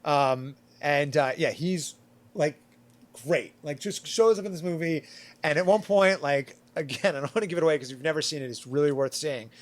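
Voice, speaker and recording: A man's voice: on the high side, normal speed. A man chatting casually on a podcast panel, rambling and full of "like", acting out quotes as he goes. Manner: rambling, filler-heavy retelling with acted quotes.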